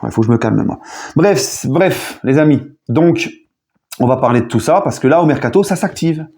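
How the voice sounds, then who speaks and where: A man chatting casually in a video debrief as a football fan, jokey and animated, with sudden loud outbursts. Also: a little high, moderate pace.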